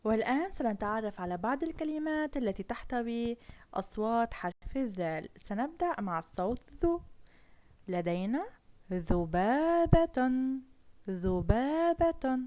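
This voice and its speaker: A woman teaching young children to read, slowly sounding out each letter and word so they can repeat after her. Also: on the high side, expressive, a little mellow, dry recording. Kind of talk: children's Arabic letter lesson.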